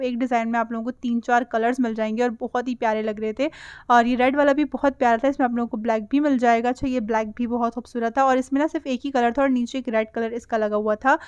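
Fast-chatting woman with Karachi Urdu accent. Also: fairly high pitch, clean tone, no echo, lo-fi sound. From Pakistan. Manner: chatty, lists prices, self-corrects often. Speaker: shopping vlogger. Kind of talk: casual shopping voice-over.

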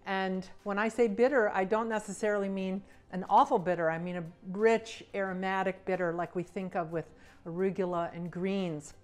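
A middle-aged woman, an executive chef, demonstrating sauces in a large home kitchen, talking in a relaxed, enthusiastic way with some fillers. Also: medium pitch, clear, resonant tone. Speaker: cruise line executive chef. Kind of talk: cooking demonstration.

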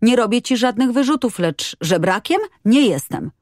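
Kobieta grająca dumnego, upartego chłopca. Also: female voice, a little high, animated, moderate pace, darkish tone, dry recording, studio quality, pitched above the performer's own voice, natural voice. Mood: proud. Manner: proud, defiant. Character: stern, proud boy.

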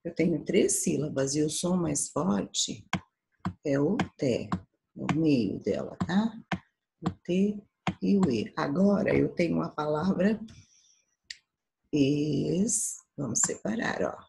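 A Brazilian woman teaching a primary school class, patiently sounding out syllables slowly for young children. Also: sits low, animated, creaky, background noise. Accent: Brazilian Portuguese. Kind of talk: slow, patient remote class lesson.

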